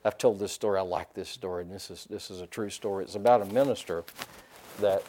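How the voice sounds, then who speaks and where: A man pastor preaching a sermon in a folksy, animated way, acting out quotes and leaning on "you know". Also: deep voice, quick pace, slight background noise.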